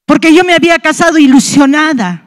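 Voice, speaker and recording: A woman's voice: sits high, a little fast. A woman with a Peruvian Spanish accent, a pastor's wife, giving an impassioned testimony in church. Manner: impassioned, storytelling with rising emotion.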